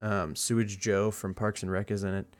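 Male podcast co-host, slightly low voice, rambling enthusiastic casual chat. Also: flat delivery, moderate pace. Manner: rambling, enthusiastic, many fillers.

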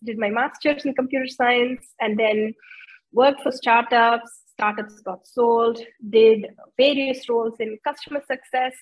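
A woman, hosting a podcast and telling her own story in an earnest, reflective way with frequent filler pauses. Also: a little high, steady tone, rough recording. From India. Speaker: podcast host and somatic practitioner.

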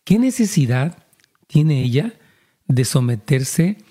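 A man's voice: medium pitch, sing-song, slow pace, dark tone. A man, a pastor giving earnest counseling talk and speaking directly to listeners.

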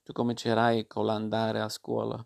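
A man's voice: fairly low pitch, completely flat delivery, normal speed, gravelly. A man reading aloud and voicing a kind but stern fairy who patiently lectures a puppet boy. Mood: admonishing. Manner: admonishing, patient.

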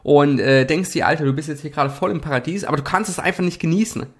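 A man's voice: fairly high pitch, fast talker. A young man hosting a self-help video, explaining casually while he draws, with slang and many fillers. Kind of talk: casual explanatory talk while drawing slides.

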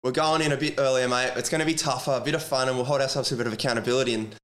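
A man's voice: mid-range voice, steady tone, rapid-fire, fairly bright tone. Blokey Aussie man hosting, tradie-style matey chat. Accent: Australian. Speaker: sports podcast host. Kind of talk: casual sports chat.

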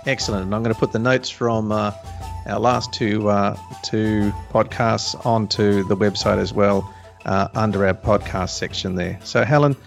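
A man hosting a podcast, summing up in a deliberate, somewhat formal conversational way. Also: lowish voice, steady tone, creaky, soft background music. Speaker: podcast host. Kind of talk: conversational discussion and summarizing.

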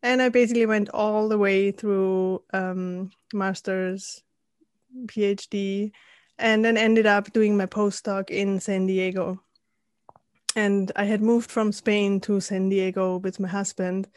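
A woman from Austria, a guest coach, telling her story in a thoughtful interview with frequent pauses and restarts. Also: mid-range voice, level tone, no room sound, clean studio sound. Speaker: guest, life and leadership coach. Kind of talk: casual interview conversation.

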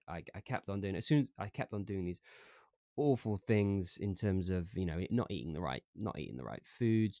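A young Welsh man, a podcast guest, telling his story in a candid, reflective way, with lots of "like" fillers and halting restarts. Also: on the low side, a little mellow, dry recording, studio quality. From Wales.

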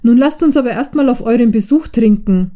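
A woman reading the part of a kindly middle-aged aunt who runs a café, in a mellow, slightly high voice. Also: expressive, fairly quick, lightly acted. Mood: reassuring.

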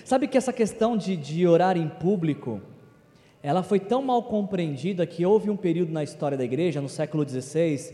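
A man with a high yet mellow voice delivers an animated sermon, slipping into the voices of the people he quotes. His words carry a long reverb from a large church hall. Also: fairly quick. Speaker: preacher.

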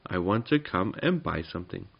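A man voicing a big, boisterous, hooting wind wizard who yells exuberantly in a children's storybook. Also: deep voice, expressive, normal speed, creaky, slightly rough, lo-fi sound, full character voice. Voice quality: loud, hooting. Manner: yelling, exuberant.

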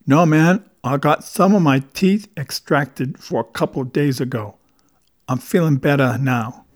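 A man's voice: fairly high pitch, a little slow, natural voice. A man voicing a battered male private eye who talks muffled, as if his mouth is full.

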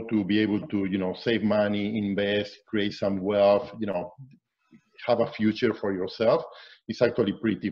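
Low-voiced man, lo-fi sound. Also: breathy edge. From Argentina. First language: Spanish. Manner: relaxed, reflective, uses "you know" often. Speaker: guest. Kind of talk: casual interview chat. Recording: dull lo-fi audio.

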